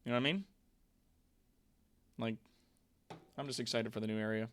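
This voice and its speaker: A man hosts a livestream from an indoor home streaming room, chatting loosely with viewers, swearing freely and breaking into animated asides. His voice is mid-range and his pace moderate.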